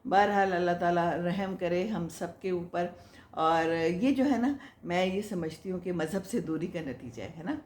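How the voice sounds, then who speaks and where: A woman's voice: fairly low pitch, darkish tone. Chatty older woman in an echoey room. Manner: chatty, motherly, moralizing, laughs often. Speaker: host answering viewer comments. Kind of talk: casual advice talk.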